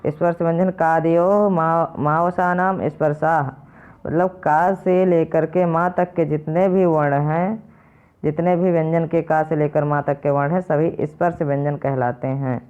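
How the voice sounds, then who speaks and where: A man teaching a lesson, patiently repeating and slowly spelling out each sound. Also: a little high, fairly even intonation, darkish tone, clean tone. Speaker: Sanskrit teacher. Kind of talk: explanatory lesson to viewers. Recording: dull lo-fi recording.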